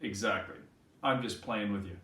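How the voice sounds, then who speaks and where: A man teaching an online music lesson to young children, gentle, encouraging and playful. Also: on the low side, moderate pace. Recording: echoey room, voice a bit distant. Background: acoustic guitar.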